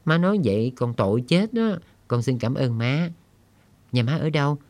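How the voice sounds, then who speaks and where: A man's voice: mid-range voice, sing-song, moderate pace, darkish tone, no room sound, pitched above the performer's own voice, natural voice. A man reading an audiobook voices a young male prisoner who speaks with eager, pleading politeness to an old mother.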